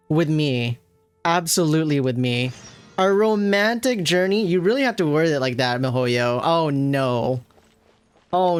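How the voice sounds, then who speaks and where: His fairly high voice is clean, with no echo. Reacting casually on a livestream with game music behind him, this game streamer gushes playfully about a video game.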